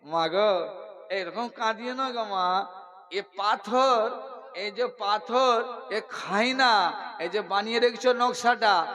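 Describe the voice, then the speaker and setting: A preacher playing a tender old saint. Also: male voice, high voice, slow pace, pushed and bright, exaggerated voice. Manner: tender, coaxing, fatherly. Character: gentle, kindly old male saint.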